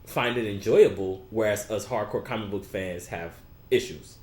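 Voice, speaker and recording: On a casual podcast, a male co-host lays out his view in a laid-back, explanatory way. His fairly low, darkish voice moves at normal speed, and the room is echoey.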